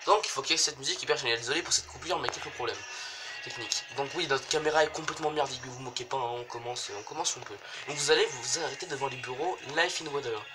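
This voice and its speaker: A man's voice: medium pitch, racing, over music. A man hosting a gaming video, talking through gameplay in a rambling, hesitant way and swearing often. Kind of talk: casual gameplay commentary. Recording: noisy home recording.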